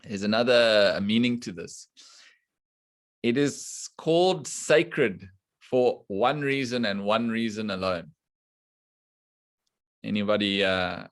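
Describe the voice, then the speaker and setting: A man teaching a scripture class to students online, explaining slowly and deliberately and putting questions to the class. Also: on the low side. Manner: slow and deliberate, quizzing the class. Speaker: spiritual teacher.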